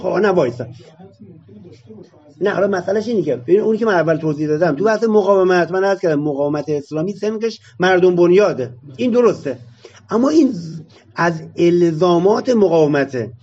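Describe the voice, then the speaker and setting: A man's voice: sits high, lively intonation, a little mellow, muffled recording. A man arguing his point in a discussion session, explaining it through rhetorical questions.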